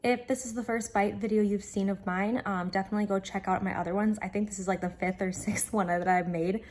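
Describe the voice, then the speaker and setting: A woman's voice: mid-range voice, steady tone, quick pace, a little mellow. A woman vlogger chatting casually to viewers, with a slight lisp from wearing dental aligners like a retainer.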